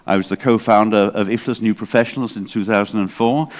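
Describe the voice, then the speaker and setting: A library association director from England, a man in his sixties with an English accent, gives a conference talk in a large hall with long reverb. His fairly low voice moves fast and with fairly even intonation, and he's chatty, digressive, self-deprecating, and full of fillers.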